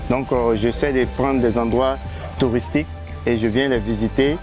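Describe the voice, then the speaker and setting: A man's voice: mid-range voice, steady tone, moderate pace. A man from Côte d'Ivoire, interviewed outdoors as a guest, speaking hesitantly with many restarts. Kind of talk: street interview. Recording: music bed underneath.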